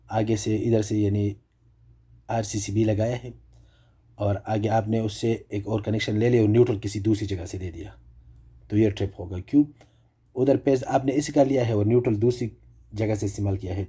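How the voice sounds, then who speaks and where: Dark husky man explaining circuit breakers. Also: fairly low pitch. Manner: explains step by step, asking and answering his own questions. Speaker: electrical tutorial presenter. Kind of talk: explaining electrical concepts.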